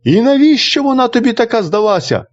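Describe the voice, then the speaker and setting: A man's voice: very high-pitched, very animated, brisk, voice pushed up. A man voicing a scornful old queen who scolds her son about his wife. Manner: scolding, contemptuous. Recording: dull lo-fi recording.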